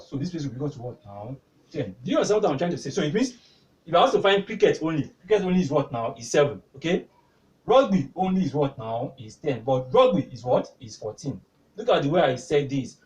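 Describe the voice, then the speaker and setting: A man's voice: fairly high pitch, a little mellow. Guy teaching maths at a board, keeps asking the class questions, bouncy voice, mic a bit far off. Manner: repeatedly asks "what now?" prompting answers. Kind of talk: whiteboard tutorial.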